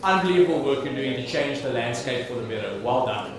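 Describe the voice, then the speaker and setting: A South African-accented awards host with a mid-range, expressive voice speaks a little fast, emceeing on stage with slangy enthusiasm and casual swearing. The large event hall is very echoey, with an audience and crowd noise audible.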